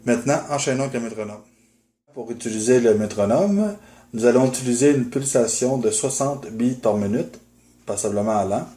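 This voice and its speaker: Male guitar teacher, mellow voice, methodical, roomy recording with guitar behind. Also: medium pitch, lively intonation, fairly quick. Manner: methodical, patient explaining with frequent "euh" fillers. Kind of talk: instructional video. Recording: roomy, with guitar playing in the background.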